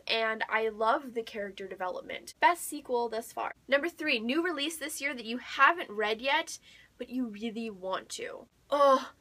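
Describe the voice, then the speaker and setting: A young woman with a sharp, somewhat high voice chats casually to camera as a book vlogger. She gushes emphatically and often repeats words for emphasis.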